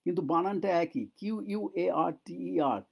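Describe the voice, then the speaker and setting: A man whose first language is Bengali, teaching English in a casual lesson, explaining slowly and repeating English phrases for pronunciation. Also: high-pitched, lively intonation, creaky. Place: living in the United States.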